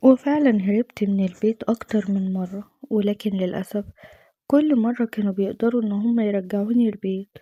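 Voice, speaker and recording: A woman's voice: medium pitch, warm tone, no echo. A woman with an Egyptian accent telling a dramatic first-person story in an earnest, emotional way.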